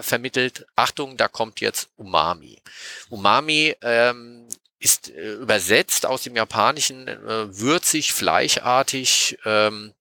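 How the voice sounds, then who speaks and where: A man on a podcast explaining taste science in a patient, lecturing way, often pausing with hesitation sounds. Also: medium pitch, bright, forceful tone, no echo. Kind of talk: casual explanatory podcast talk.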